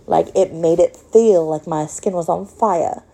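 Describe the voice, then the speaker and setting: A woman's voice: on the low side, a little slow, mellow. A woman hosting a podcast, speaking in a rambling, casual monologue with many fillers. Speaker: podcast host.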